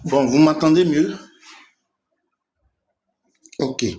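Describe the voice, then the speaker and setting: A man's voice: a little high, drawn-out words, a little mellow. Hesitant Beninese man calling in. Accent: Beninese French. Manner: hesitant, many restarts and fillers. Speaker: caller in a live stream debate. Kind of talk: casual call-in talk.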